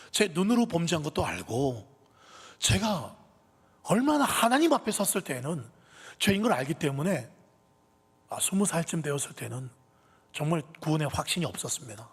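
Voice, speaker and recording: A pastor in his fifties preaches a sermon built around his personal testimony, his emotion building to impassioned peaks. His husky voice is fairly high and sing-song, at normal speed, and the church sanctuary gives the recording a reverberant sound.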